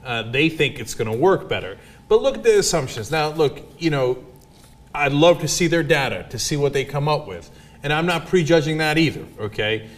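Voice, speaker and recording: A man's voice: a little high, lively intonation, normal speed. A man hosting a panel discussion, talking in an emphatic, punchy way with rhetorical questions. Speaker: host. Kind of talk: opinionated panel talk.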